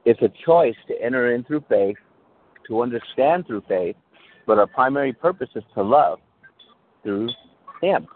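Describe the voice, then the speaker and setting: A man's voice: mid-range voice, lively intonation, moderate pace, pauses often, a little hiss or hum. A male pastor preaching a sermon over a call, checking in with his listeners and restarting phrases as he goes. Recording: tinny call line that breaks up.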